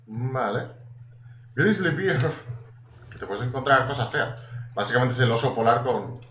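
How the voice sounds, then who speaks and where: A young man with a Spain Spanish accent giving casual, excitable gameplay commentary, swearing now and then and chatting to his viewers. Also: medium pitch, measured pace. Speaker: gaming YouTuber. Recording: echoey room with faint noise.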